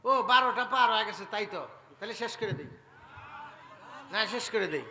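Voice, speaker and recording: A high, bright-voiced man preaches. His delivery is dramatic, dropping to hushed storytelling and then bursting into loud calls. His voice rings through a long, echoey public-address hall over a faint background hum. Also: animated, normal speed. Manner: dramatic, swings from soft narration to loud cries, chants verses. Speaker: Islamic preacher. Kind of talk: sermon storytelling. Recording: echoey public-address sound in a large venue.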